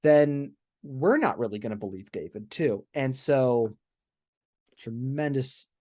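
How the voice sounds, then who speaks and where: Man, mid-pitch, chatty podcast co-host, enthusiastic with restarts. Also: animated, slow, a little mellow. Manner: enthusiastic, many restarts and "right?" asides. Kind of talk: casual podcast discussion.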